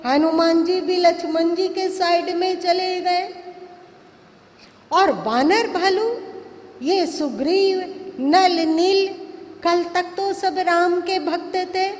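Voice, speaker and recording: High-voiced woman preacher telling a devotional story. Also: fairly even intonation, slow pace. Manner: dramatic, emphatic storytelling. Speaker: spiritual teacher. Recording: long hall reverb.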